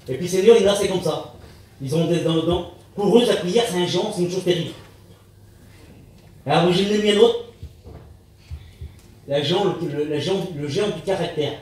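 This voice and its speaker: A man preaching a sermon in a plain-spoken, halting way, often restarting and calling out to the Lord. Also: sits high, a little mellow. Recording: echoey hall, speaker far from mic.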